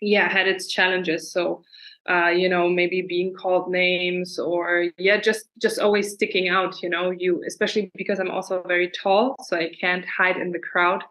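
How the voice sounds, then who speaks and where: Measured, friendly woman guest. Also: lowish voice, little pitch movement, a bit bright, poor audio. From Germany. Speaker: guest, fencer. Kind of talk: interview answers.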